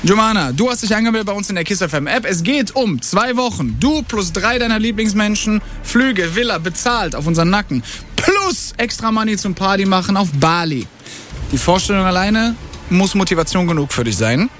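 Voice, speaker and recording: A male radio host running an on-air quiz game with a caller, energetic and slangy, dropping in English words. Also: sits high, fairly quick, slight background noise. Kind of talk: upbeat radio game show hosting.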